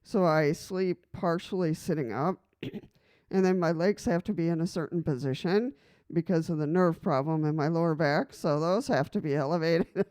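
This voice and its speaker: Her voice sits low with a darkish tone and a moderate pace as this middle-aged Costa Rican vlogger chats informally to camera. She rambles, uses plenty of fillers, and laughs often.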